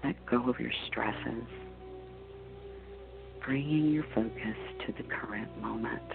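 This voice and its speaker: A man leading a guided meditation as a spiritual teacher, giving slow, counted deep-breath instructions in a hushed, soothing, measured way with long pauses. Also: gravelly. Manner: soothing, hushed, measured delivery with trailing soft phrase endings. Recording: dull lo-fi audio with soft music. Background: soft meditation music.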